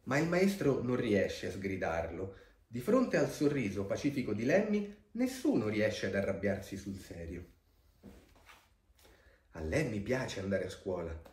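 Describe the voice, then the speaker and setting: A man reading a picture book aloud to a child with gentle, expressive storytelling, pausing to answer the child. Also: mid-range voice. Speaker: storybook reader. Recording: echoey room.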